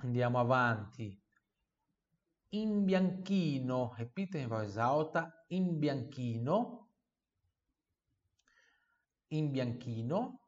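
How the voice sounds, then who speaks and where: A man teaching a language online, repeating words slowly and clearly, then explaining them and asking viewers to repeat. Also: mid-range voice, expressive. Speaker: Italian teacher. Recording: slightly dull lo-fi sound.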